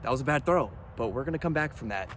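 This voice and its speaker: A man's voice: medium pitch, animated, quick pace, a bit bright. Stuffy-nosed man, noisy outdoor recording. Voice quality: congested, stuffy-nosed sound. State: allergies, blocked nose, breathing through mouth. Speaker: disc golf player filming his round. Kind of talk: casual self-commentary while playing. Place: outdoors on a disc golf course.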